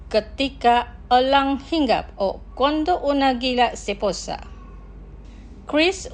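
Slow, careful female radio teacher. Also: a little high. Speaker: radio language lesson host. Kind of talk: scripted radio lesson.

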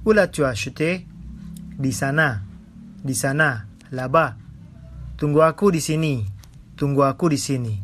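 A woman presenting a scripted radio language lesson, speaking slowly and repeating each phrase twice. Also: deep voice, a little hiss or hum.

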